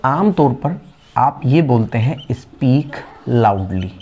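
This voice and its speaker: A man with an Indian accent teaching spoken English, explaining patiently and repeating example phrases slowly. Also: medium pitch, expressive, mellow, slight background noise.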